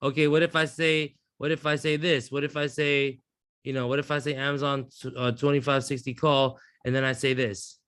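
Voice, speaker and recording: A man's voice: medium pitch, little pitch movement, brisk, a bit bright, smooth, no echo, studio quality. A man teaching a live trading class, blunt and profane, often restarting his sentences. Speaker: trading instructor.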